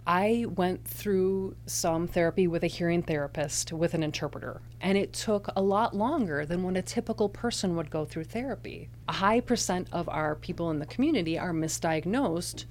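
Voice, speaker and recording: A woman giving a live interpreter voice, speaking aloud for deaf speakers in the first person. Her voice sits a little low, and her delivery is measured and deliberate, with some rephrasing. A faint hum runs under her voice. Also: a little mellow. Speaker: sign language interpreter.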